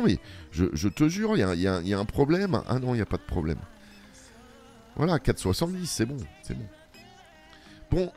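Here a let's play gamer with a fairly low, somewhat mellow voice gives improvised role-play commentary. He plays a cashier in a shop game, talking playfully to customers and responding to an unheard boss.

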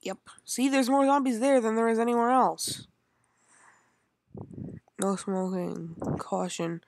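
A woman's voice: medium pitch, dry recording. A young woman giving rambling, chatty commentary as she plays a video game, talking to herself and her viewers. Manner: chatty and rambling, talks to herself while playing. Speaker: gaming channel host. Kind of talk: casual gameplay commentary.

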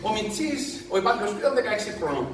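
Brief: a laughing Cypriot joke teller with a folksy delivery. The recording is distant and echoey, with music behind him. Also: male voice, high voice. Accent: Cypriot Greek. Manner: lively, laughing storytelling. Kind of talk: telling a folksy anecdote.

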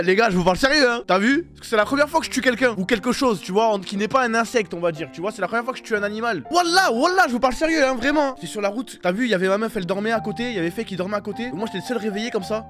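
Fast-talking young man telling a story. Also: very high-pitched. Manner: fast, animated, slang-heavy, many restarts. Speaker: streamer. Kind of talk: casual storytelling to live chat.

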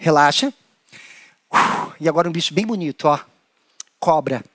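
A man with a Brazilian Portuguese accent leading a playful children's hand-play lesson, acting out animals with an animated manner. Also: normal speed, no echo. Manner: animated, playful, acts out creatures in squeaky high voices. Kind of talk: playful children's lesson with acted little voices.

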